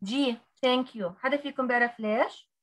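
A woman's voice: sits high, moderate pace. A woman, teaching English pronunciation on a video call and drilling letter by letter. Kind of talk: online class teaching.

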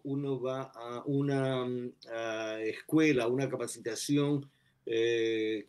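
A retired federal agent from Ecuador, a man in his sixties, speaks as a guest in a remote video interview, indoors before a plain backdrop. His mid-range, darkish voice is measured, with many pauses and "eh" fillers.

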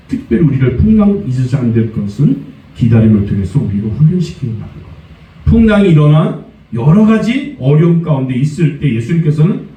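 A pastor preaching a Sunday sermon, lively, slipping into high acted voices for quoted complaints. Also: male voice. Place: church sanctuary. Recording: dull, echoey church sound from a distance.

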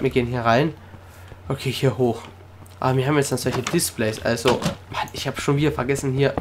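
A man giving casual let's-play commentary, chatting excitedly to viewers, making little mouth sound effects and switching between shouts and whispers. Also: mid-range voice, noisy background. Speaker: gaming video creator. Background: background music.

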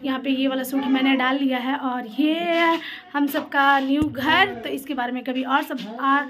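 A young woman vlogger with a high, fairly bright voice, fairly even intonation and a moderate pace chats casually to her phone while filming a family trip. She's playful and teasing, outdoors at a busy fair with crowd and traffic noise behind her.

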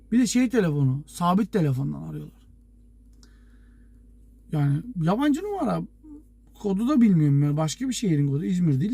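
A truck driver telling a story to his viewers in a casual, lively way, acting out the dialogue and chuckling as he goes. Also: high voice, gravelly, breathy edge, no echo. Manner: lively anecdote teller, acts out dialogue.

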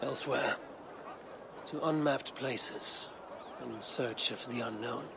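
An actor playing a weary, resolute Viking warrior in a game, gravelly, with terse, formal and solemn delivery. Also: male voice, mid-range voice, takes it slowly, background noise. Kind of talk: video game cutscene acting.

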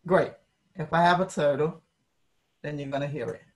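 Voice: mid-range voice, steady tone, moderate pace. Informal, chatty workshop presenter speaking over a video call. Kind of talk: casual talk on a video call.

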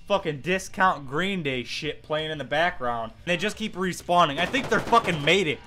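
A man's voice: a little high, bright, forceful tone. A young man commentating live on a video game in an exasperated, sarcastic, swearing tirade. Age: young adult. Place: indoor room, at a computer.

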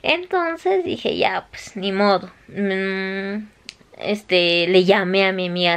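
Chatty Peruvian woman telling a story. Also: medium pitch. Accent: Peruvian Spanish. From Peru. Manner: chatty, animated, acts out quoted voices. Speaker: vlogger. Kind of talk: casual storytelling.

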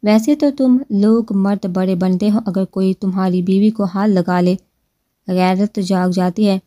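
Woman doing a headstrong young wife, sarcastic, taunting, mellow, dry, storybook. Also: mid-range voice, fairly even intonation, dry recording, natural voice. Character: headstrong sharp-tongued young wife, mocking.

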